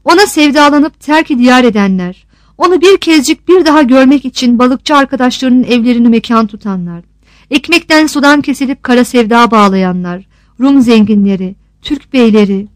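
A woman narrating a novel in a steady, descriptive storytelling manner. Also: fairly high pitch, normal speed, dry recording.

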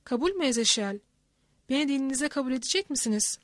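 Woman voicing a scheming male nobleman, smooth and menacing; high voice, dry close mic. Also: lively intonation, fast talker, no echo.

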